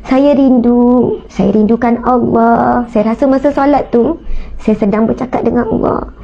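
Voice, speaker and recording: A poor, devout and grateful young mother with a Malaysian Malay accent speaks humbly and earnestly, as a woman preacher quotes her. The voice sits high and pleading. The recording is dull and lo-fi. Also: steady tone, measured pace, creaky, warm tone.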